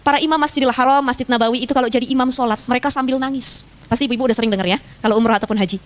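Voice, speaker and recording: A woman preaching, her voice pitched high and her words coming quickly. She keeps the talk chatty and joking, and often asks her audience questions. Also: fairly even intonation. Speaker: female Islamic preacher. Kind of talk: lively religious talk to women.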